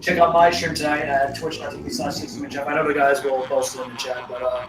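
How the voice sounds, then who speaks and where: A man's voice: medium pitch, flat delivery, quick pace, distant mic. A man co-hosting a gaming live stream, chatting casually in an emphatic, opinionated way. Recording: echoey room, off mic, faint music. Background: faint game music.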